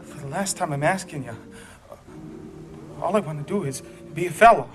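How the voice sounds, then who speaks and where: An actor playing a nervous young bridegroom in a 1940s film, pleading and earnest. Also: male voice, on the high side, normal speed, a bit bright, soft background music, lightly acted. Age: young adult.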